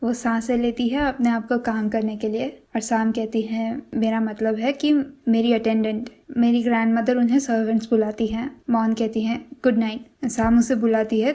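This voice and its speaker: A woman retelling a drama episode, reading every character's lines in one steady voice. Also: fairly high pitch. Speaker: series recap narrator. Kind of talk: retelling a drama with quoted dialogue.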